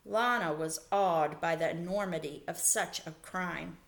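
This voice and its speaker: A woman's voice: lowish voice, unhurried, gravelly, a bit bright. A woman teacher reading a children's chapter book aloud, stopping to patiently explain a vocabulary word to young students. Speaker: elementary school teacher.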